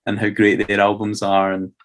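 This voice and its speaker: A man's voice: on the low side, completely flat delivery, normal speed, fairly bright tone. A Scottish man co-hosting a music podcast, talking in an easygoing way and hedging with "sort of" and "kind of". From Scotland. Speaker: podcast co-host. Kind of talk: casual chat.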